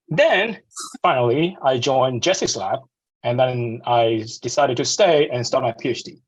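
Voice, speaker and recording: A Taiwanese man in his thirties, speaking with a Taiwanese accent, presents slides to students over a video call as a guest speaker. His medium-pitched delivery is halting, full of fillers and restarts, and the sound is lo-fi.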